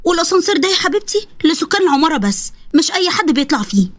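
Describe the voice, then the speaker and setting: A woman's voice: extremely high pitch, sing-song, rapid-fire, voice pushed up. A woman voicing a snobbish, condescending young wife with an Egyptian accent, in a raised voice. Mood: haughty. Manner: arrogant, condescending.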